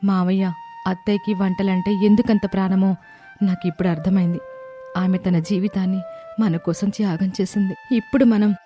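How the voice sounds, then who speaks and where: A young woman voicing a kind, earnest daughter-in-law in an animated family story. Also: medium pitch, moderate pace, faint music behind, close to an everyday voice. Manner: earnest, warm-hearted speaking. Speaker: voice actor.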